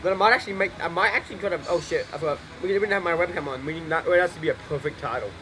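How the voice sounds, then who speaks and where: A young man whose voice is a little high talks very fast while casually commenting on his gameplay. Game music plays behind the streamer as he rambles, swears and repeats himself.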